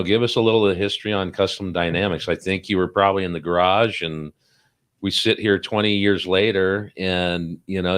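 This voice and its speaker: Chatty guy cohosting a talk show, really low voice, lots of ums and restarts. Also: a bit bright, clear, resonant tone. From Salt Lake City, Utah. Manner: chatty, joking, many fillers and restarts. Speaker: podcast co-host. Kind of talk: casual interview chat.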